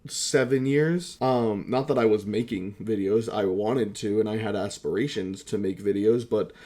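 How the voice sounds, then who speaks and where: A young man who is a YouTuber and amateur voice actor chats casually in a comedic vlog, rambling, mocking himself and swearing now and then. His voice is lowish and mellow, and he speaks at a moderate pace.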